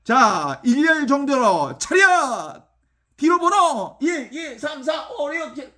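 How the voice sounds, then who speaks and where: A man voicing a brisk woodcutter who barks drill-style orders while counting off pigs. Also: very high voice, wildly swooping pitch, bright, forceful tone, breathy edge, voice pushed up, exaggerated voice. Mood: commanding. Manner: commanding, drill-sergeant counting.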